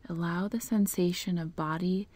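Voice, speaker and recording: A woman leading a guided meditation in a slow, soft voice that often drops into a whisper. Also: lowish voice, fairly even intonation.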